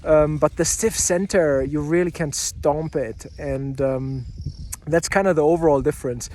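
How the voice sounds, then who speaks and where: A man with a slightly high voice records a casual review outdoors on the ski hill. He talks off the cuff and pauses to think as he goes, piecing his assessment together in short phrases. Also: darkish tone, slight background noise. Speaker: snowboard reviewer. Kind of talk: casual vlog gear review, talking off the cuff. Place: outdoors at a ski area, partly on a chairlift.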